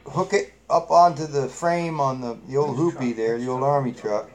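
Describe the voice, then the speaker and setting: A middle-aged man with a New England accent hosts a live chat, spinning rambling, salty, folksy stories packed with fillers. His medium-pitched voice is a little mellow and moves at normal speed.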